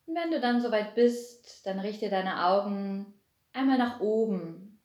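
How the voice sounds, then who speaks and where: A woman guiding a relaxation meditation, speaking in a soothing way and slowly counting down to deepen the relaxation. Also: expressive, a little mellow, echoey room. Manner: slow, soothing, repetitive counting down. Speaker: meditation guide. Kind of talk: guided hypnosis meditation.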